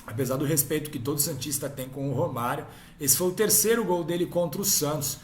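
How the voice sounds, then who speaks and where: Field: football history video. A chatty man recounts past matches in a slightly high voice, often tagging his sentences with quick questions. He sounds like he is in an echoey room, with a faint hiss behind him. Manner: chatty, frequent tag questions. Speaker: host. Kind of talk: casual football history talk.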